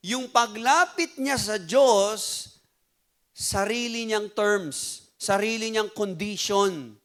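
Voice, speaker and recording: High-voiced Filipino preacher. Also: male voice. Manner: mixes Tagalog and English, animated and conversational. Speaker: pastor. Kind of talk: sermon.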